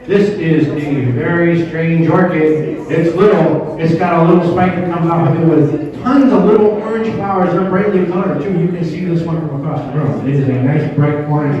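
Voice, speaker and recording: High-voiced man calling a live auction, very echoey. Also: a little mellow, highs cut off. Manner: informal, chatty, repeats bids. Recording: echoey room, distant microphone.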